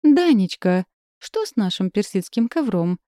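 A woman reading an audiobook, voicing a fussy, house-proud middle-aged mother who wails theatrically in a thin, high voice. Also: very animated, unhurried, warm tone, no room sound, studio quality. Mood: hysterical. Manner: shrill, theatrical wailing.

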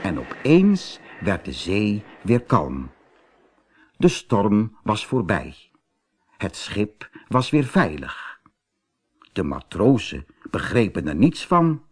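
A man reading a children's fairy tale aloud in an expressive, animated storytelling manner. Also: on the low side, slow, breathy edge. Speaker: audiobook reader.

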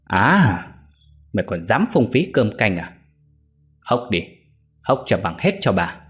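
A man voicing a cruel, sharp-tongued young woman, the daughter-in-law in a story, sneering and mocking. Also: lowish voice, very animated, slow pace, soft background music, heavily acted. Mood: scolding.

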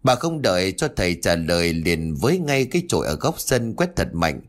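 A man's voice: deep voice, sing-song, normal speed. A man telling a ghost story as scripted narration, in a dramatic storytelling manner. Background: soft background music.

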